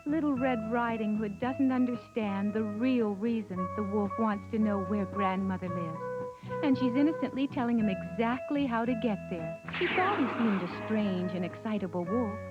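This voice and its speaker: A woman narrating a cartoon fairy tale in a gentle storytelling manner, heard from a worn tape copy. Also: medium pitch, moderate pace. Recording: dull worn VHS tape with music behind.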